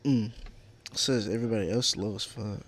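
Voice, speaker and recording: Speaking at a normal pace in a lowish voice with fairly even intonation, a young man hosts a podcast as a casual voice chat with friends. He's relaxed, full of slang, curses often and laughs a lot.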